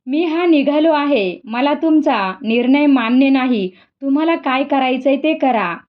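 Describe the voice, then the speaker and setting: A blunt village man brushes off authority, as a woman reading the story puts him on. The voice sits high and the recording is dull. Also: animated, a little slow. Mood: defiant. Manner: blunt, dismissive.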